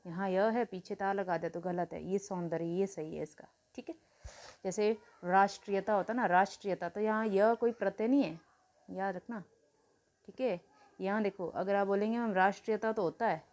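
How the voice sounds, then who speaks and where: A woman teaching a grammar lesson to students, repeating key words slowly, asking questions and answering them herself, and telling the children to write things down. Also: medium pitch, darkish tone. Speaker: Hindi teacher.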